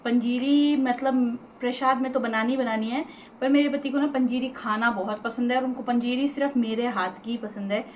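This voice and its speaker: A woman's voice: fairly high pitch, fairly even intonation, moderate pace, slight background noise. A woman, chatting casually to viewers in a home vlog. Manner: chatty, addresses viewers directly. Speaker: vlogger. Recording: echoey room with faint ambience.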